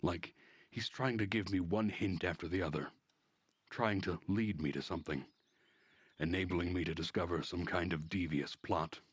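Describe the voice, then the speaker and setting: A man with a very low, husky voice reads visual novel narration aloud in a measured, introspective way, telling a story. The sound is close and dry, with no room sound at all.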